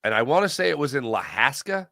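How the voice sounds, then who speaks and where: A fast-talking, sing-song voice of medium pitch, sharp with vocal fry, comes from a Pennsylvania man hosting a sports talk livestream. He banters with viewers casually and emphatically, repeating phrases for emphasis, and the sound is clean studio quality without echo.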